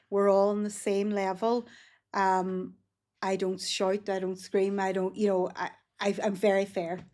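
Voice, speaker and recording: A woman's voice: medium pitch, a little mellow. Woman, founder, earnest and direct, mid-range voice. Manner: frank and earnest, with frequent 'um' and restarts. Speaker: business founder, podcast guest. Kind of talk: casual interview chat.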